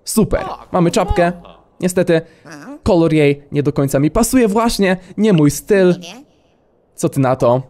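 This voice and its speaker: A man's voice: sits high, measured pace, warm tone. A man commentating on his own video game playthrough, making joking, sarcastic asides as he plays. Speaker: let's play host. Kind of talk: gameplay commentary. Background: game music.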